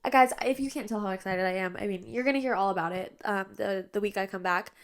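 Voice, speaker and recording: Speaking quickly in a mid-range voice, this twentysomething podcast host chats casually from her bedroom. Her voice is slightly nasal and congested, and she comes across as tired but bubbly, with plenty of filler words. An iPad on a tripod serves as her microphone.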